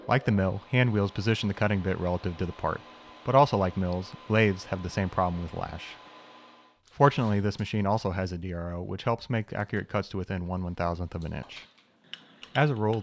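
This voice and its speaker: Speaking fast in a low, steady voice, a young man hosts his channel with a scripted tour of his machine shop. He's a machinist who describes the equipment with dry, wry wit and self-deprecating remarks, and there's slight background noise.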